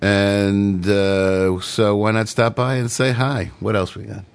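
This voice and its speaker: A man's voice: lowish voice, little pitch movement, slow pace, creaky, clear, resonant tone. A man hosting a comedic internet radio show, talking in a playful, rambling, mock-grandiose way.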